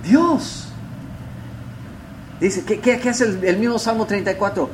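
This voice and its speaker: A man preaching a sermon, asking rhetorical questions and swinging between loud and soft delivery. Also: high voice, a little slow, slight background noise, low-quality recording. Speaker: pastor.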